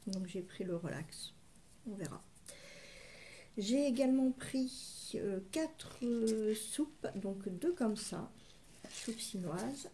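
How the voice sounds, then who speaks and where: A woman's voice: a little high, expressive, takes it slowly, pauses often, dark tone, a little hiss or hum. A woman casually presenting her shopping haul, hesitant and full of fillers as she describes each item step by step. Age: adult parent.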